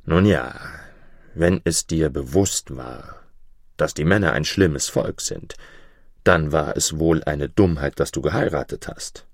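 A man voicing a gruff mountain spirit disguised as a charcoal burner, talking deep, slow and stern. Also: no room sound, studio quality, exaggerated voice. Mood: mocking.

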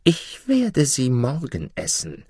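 A man's voice: fairly low pitch, big pitch swings, measured pace, slightly rough, no room sound, studio quality, exaggerated voice. A man voicing a proud, hot-tempered duke in a fairy tale, speaking in a commanding, blustering way. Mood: imperious.

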